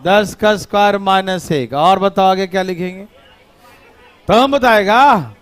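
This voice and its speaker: Male teacher, high voice, teasing classroom manner. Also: steady tone, normal speed, smooth. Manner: playful, teasing, scolds students. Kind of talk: live classroom math lesson.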